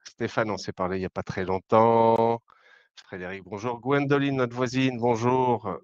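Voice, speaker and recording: A man hosting a webinar on a video call, casual and halting, with many fillers. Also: mid-range voice, steady tone, clear, resonant tone, no echo. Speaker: webinar host. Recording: dull lo-fi call audio.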